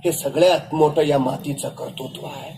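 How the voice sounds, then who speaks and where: A man's voice: fairly high pitch, fairly even intonation, moderate pace, noisy background. A man giving a dramatic, rousing storytelling speech as a motivational speaker.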